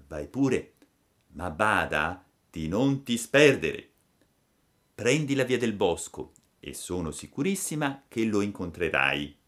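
A man voicing a kind, gently stern fairy woman with a calm, measured, motherly manner. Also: lowish voice, heavily acted. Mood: gentle.

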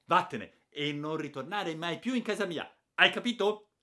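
A man putting on a shrill, spiteful old aunt. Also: moderate pace. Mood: furious. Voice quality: shrill, trembling with anger. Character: shrill, spiteful elderly aunt scolding a boy.

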